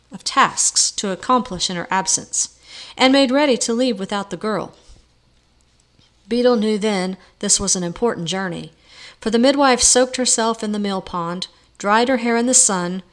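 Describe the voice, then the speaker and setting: A woman narrating a storybook novel aloud in a measured, even way. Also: mid-range voice. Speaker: audiobook reader.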